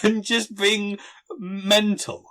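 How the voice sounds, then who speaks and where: A man's voice: high-pitched, level tone, drawn-out words, a bit bright. A man hosting a casual podcast, reading out film reviews and adding emphatic, amused asides. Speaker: podcast host.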